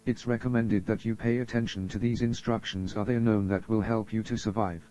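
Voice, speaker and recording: Scripted emergency announcements are read by a man whose voice is very dark, mellow and fairly low in pitch. He keeps a steady tone and brisk pace, formal and solemn like a public broadcast announcer, and the audio is muffled and lo-fi.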